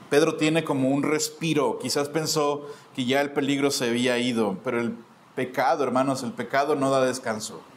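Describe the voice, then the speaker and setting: A man preaching a sermon as pastor in a church, emphatic and expressive. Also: medium pitch, a little hiss or hum. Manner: emphatic preaching, acting out quoted voices. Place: church sanctuary.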